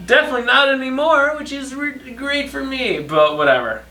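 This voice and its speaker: A young podcast host with a very high-pitched, animated, pushed and bright voice talks at a normal speed, spinning rambling stories in a sarcastic, profane, casual storytime monologue. Faint music plays behind him, and the distant mic picks up an echoey room.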